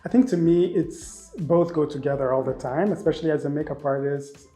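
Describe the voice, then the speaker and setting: A man in his thirties from Rwanda who grew up in Belgium, a makeup artist speaking casually in an interview, expressive and often repeating words as he thinks. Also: fairly high pitch, a little fast, faint music behind. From Rwanda, raised in Belgium.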